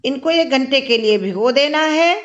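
High-voiced woman narrating home cooking. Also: expressive, moderate pace, highs cut off. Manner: chatty, step-by-step explaining. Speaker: cooking channel host. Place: home kitchen.

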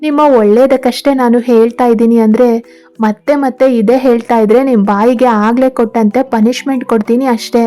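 A woman's voice: on the high side, steady tone, a little fast, mellow, soft background music, natural voice. A woman voicing a tearful young woman who resigns herself to staying apart, in a read-aloud story. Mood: sad. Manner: sorrowful, resigned.

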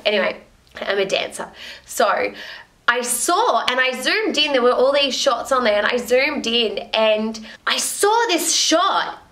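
A woman's voice: a little high, sharp tone, low-quality recording. A young woman chatting in a rambling, emotional way in a casual home vlog from her living room. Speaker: vlogger.

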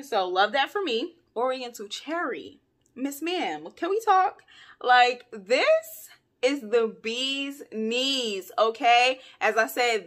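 A young adult woman, chatting casually and playfully to camera in her vlog. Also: medium pitch. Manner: chatty, animated, playful asides. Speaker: vlogger.

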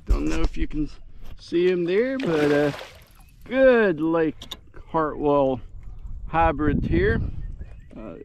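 An older man narrating casually as he fights fish from a kayak on a lake, whooping with excitement, recorded on a mounted camera. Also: on the high side, slow pace, gravelly, pauses often, noisy background. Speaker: fishing vlogger. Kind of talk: casual narration while fishing. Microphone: action camera mounted on kayak.

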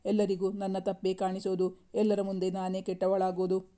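A hurt young wife answers with reproach in a flat, dark voice, as the storyteller reads her part. Her words carry a sarcastic edge. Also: medium pitch, normal speed, natural voice. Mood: reproachful.

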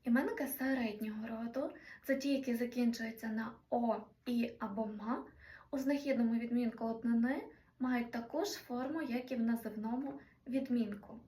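A woman teaching a language lesson, explaining grammar and slowly spelling out example sentences. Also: on the high side, dark tone, echoey room, distant mic. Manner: slow, careful spelling-out of Greek examples.

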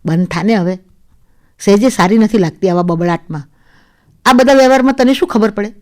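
A woman's voice: mid-range voice, fairly quick, darkish tone, close to an everyday voice. Woman doing a scolding middle-aged mother. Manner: scolding, exasperated. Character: nagging middle-aged mother pushing her daughter to marry.

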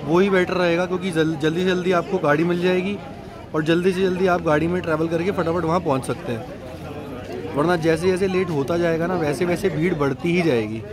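A crowd can be heard behind this young travel vlogger, who talks a little fast in a fairly high, steady voice while explaining things casually and repetitively. He uses a phone at arm's length, outdoors by roads and parking and later inside a parked jeep.

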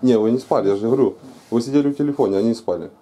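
A blogger films himself confronting police officers on duty at a post, pressing them insistently and repeating his demands in a confrontational street recording. His mid-range voice is mellow and very fast.

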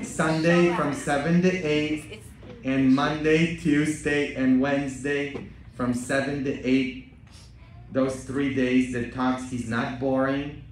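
Priest in an echoey church. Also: male voice, mid-range voice, distant mic. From Poland. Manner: joking, bantering with the congregation, rising to loud exhortation. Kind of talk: Easter homily and parish announcements. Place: large church.

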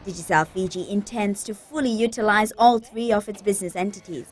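A woman's voice: medium pitch, brisk, a little hiss or hum. A woman reading a scripted news report. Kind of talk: scripted narration.

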